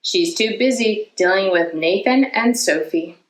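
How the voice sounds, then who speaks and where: A woman reading a children's picture book aloud as a storytime host, in an expressive, deliberate storytelling manner. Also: mid-range voice, echoey room, poor audio. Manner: animated, deliberate storytelling with character voices.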